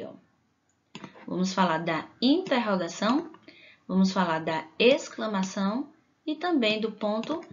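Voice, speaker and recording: A Brazilian woman teaching a video lesson to young children, slow and encouraging. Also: mid-range voice, muffled recording. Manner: warm, encouraging, slow and drawn-out teacher talk. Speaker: primary school teacher.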